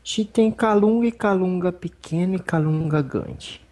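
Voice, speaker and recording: A medium voicing an old male spirit elder with a Brazilian accent, speaking in a husky, folksy, rambling way during a religious consultation. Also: mid-range voice, measured pace, darkish tone, lightly acted. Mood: fatherly. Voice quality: husky, rambling, folksy speech with fond asides.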